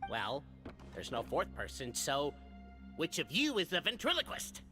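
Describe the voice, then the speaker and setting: A man doing a bright, teasing clan leader. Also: a little high, measured pace, soft background music, pitched above the performer's own voice, exaggerated voice. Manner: teasing, animated.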